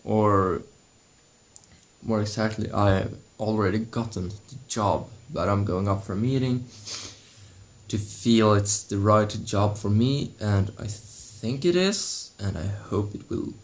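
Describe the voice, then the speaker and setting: Slow, low-voiced young man vlogging at home. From Sweden. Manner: slow and halting, with many restarts. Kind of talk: casual vlog. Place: at home indoors.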